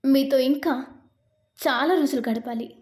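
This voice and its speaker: Narrator doing the playful, doting young wife, high voice. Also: female voice, measured pace, darkish tone. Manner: playful, affectionate. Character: cheerful young wife recovering in hospital.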